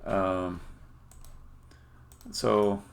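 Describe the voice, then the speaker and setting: Demoing his indie game on a live stream, a man thinks aloud in a casual, halting manner. His voice is low with vocal fry and shows little pitch movement.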